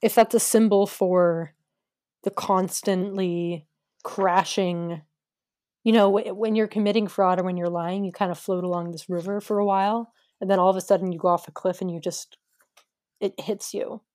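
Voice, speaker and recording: A woman's voice: mid-range voice, steady tone, normal speed, darkish tone, no echo, studio quality. A woman co-hosting a podcast, musing tentatively about a poem and its meaning. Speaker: podcast co-host. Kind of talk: casual literary discussion.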